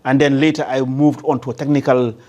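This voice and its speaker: A man's voice: medium pitch, level tone, brisk, darkish tone. A man in his sixties with a Gambian accent telling his story conversationally as an interview guest, often repeating phrases as he starts. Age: 60s. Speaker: interview guest, construction entrepreneur.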